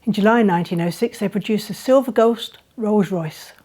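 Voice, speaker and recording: A woman presenter reads a short scripted history item. Her delivery is measured and deliberate, with a mid-range voice. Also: medium pitch, heavy background noise. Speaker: segment presenter. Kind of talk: scripted narration.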